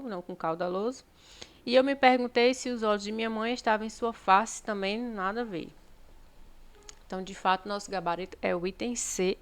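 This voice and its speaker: Brazilian woman teaching, patient and explanatory. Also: medium pitch. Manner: explanatory, frequent tag questions. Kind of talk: exam-prep lesson.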